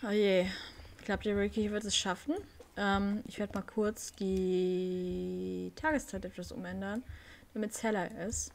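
A woman's voice: mid-range voice, fairly even intonation, a little slow, gravelly, darkish tone, a little hiss or hum. A woman casually commenting while playing a horse-riding game, thinking aloud. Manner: chatty, thinks aloud with fillers. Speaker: let's play host.

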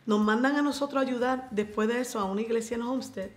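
Radio guest, Puerto Rican woman, bright storyteller, roomy sound, faint music bed. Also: a little high, fast. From Puerto Rico. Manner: animated storyteller, acts out quoted voices, mixes in English. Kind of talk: testimony in a radio interview.

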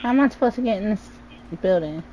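A woman's voice: medium pitch, animated, fast talker, mellow, highs cut off, slight background noise. A young woman streaming a video game, chatting casually, giggling often and breaking into sing-song bits. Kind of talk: casual gaming chat.

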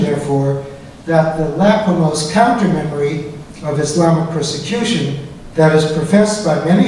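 A man in his sixties reading a prepared academic lecture at a podium, with measured, careful delivery. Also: fairly high pitch, dark tone, slight background noise. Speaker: guest lecturer. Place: lecture hall stage, at a podium. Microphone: lapel mic and podium mic. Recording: echoey hall, slightly distant.

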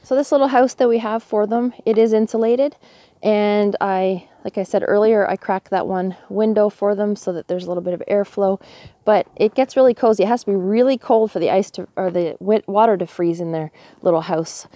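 A woman's voice: mid-range voice, brisk, dry recording. A woman from Canada in her forties, casually explaining her chores as she films herself outdoors by a snowy hen house on a handheld phone. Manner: relaxed, chatty, thinking aloud. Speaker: homesteading vlogger. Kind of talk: casual how-to narration.

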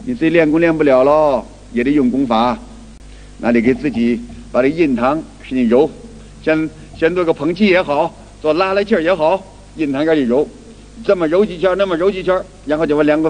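A man's voice: on the high side, a little mellow. A man giving a spoken qigong lecture who acts out little everyday scenes and repeats and restarts his phrases. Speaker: qigong teacher. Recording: long hall reverb.

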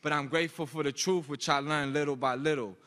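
Rhythmic and emphatic, a young Boston man delivers a live spoken-word poem through a stand mic on a big indoor auditorium stage. His slightly high voice is bright and forceful, steady in tone and quick in pace, ringing with the room's long reverb.

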